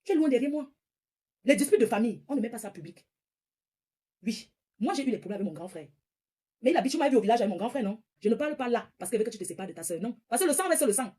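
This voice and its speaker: Woman in her forties, from northern France, husky, rapid, scolding live-stream rant, phone mic. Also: fairly high pitch, sing-song, mellow. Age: 40s. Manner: confrontational, repetitive, scolding. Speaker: social media livestreamer.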